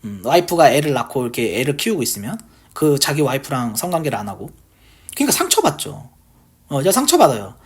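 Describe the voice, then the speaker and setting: Husky woman, lively emphatic Bible teaching. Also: extremely low pitch, quick pace. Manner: emphatic, full of rhetorical questions. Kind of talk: casual Bible teaching on camera.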